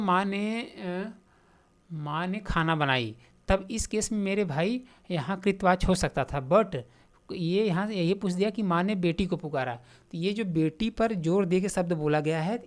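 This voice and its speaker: A woman's voice: medium pitch, a little mellow. A woman teaching an exam-prep grammar lesson in a casual, repetitive way, reading out answer options and calling her students "my brother". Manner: casual, repetitive explaining, calls listeners "my brother"; reads out question options one by one.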